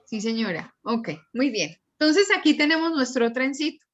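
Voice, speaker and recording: A woman's voice: sits high, expressive, moderate pace, lo-fi sound. A woman teacher giving a patient, step-by-step class lecture and repeating examples to her students. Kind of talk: slow, explanatory class lecture.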